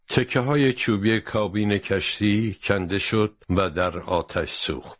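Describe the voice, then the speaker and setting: A man narrating a storybook in a steady, expressive reading voice. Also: sits low, no echo.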